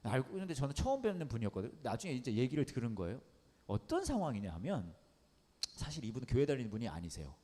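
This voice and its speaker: A man preaching as a pastor, telling a funny story in a lively, comic way and repeating words for effect. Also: mid-range voice, fast talker. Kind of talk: storytelling sermon. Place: underground church hall. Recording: long hall reverb.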